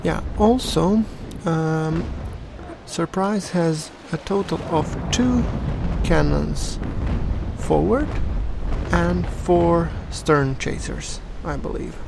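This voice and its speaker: A man giving casual video game commentary in a halting, hesitant way, as the host of a channel. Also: on the high side, vocal fry, background noise.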